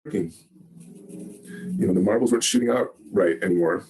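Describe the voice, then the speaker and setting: Halting, gentle male Zen teacher. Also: low voice. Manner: gentle, halting, searching for words. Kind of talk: dharma talk. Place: meditation hall.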